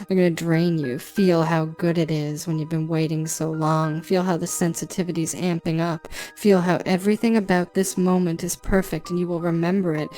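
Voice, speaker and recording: A woman delivering an erotic hypnosis monologue for adults, speaking intimately close in the listener's ear in a commanding, deliberate, repetitive way. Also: fairly low pitch, darkish tone. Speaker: hypnosis narrator. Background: music.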